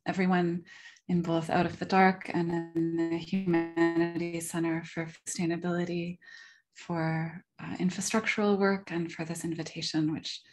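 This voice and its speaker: A woman's voice: fairly low pitch, a little mellow. A woman giving an academic lecture over a video call, careful and considerate toward her listeners. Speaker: guest lecturer.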